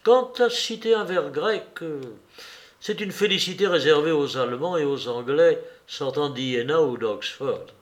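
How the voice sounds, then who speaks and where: A man reading a classic novel aloud as an audiobook narrator in a measured, literary way. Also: on the high side.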